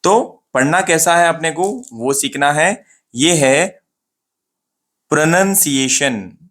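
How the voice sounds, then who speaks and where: An English pronunciation teacher gives a casual spoken lesson to camera, drilling words slowly and repetitively. His voice sits a little high with a fairly bright tone, and he models each word by repeating it, asking questions and answering them himself.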